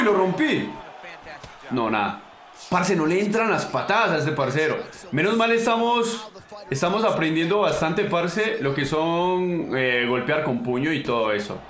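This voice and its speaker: A young Colombian man commenting casually on his own fighting game, slangy and excitable, taunting his opponent and yelping at big moments. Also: medium pitch, roomy sound. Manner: excitable, slangy, talks to the opponent, bursts into yelps. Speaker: gaming channel host.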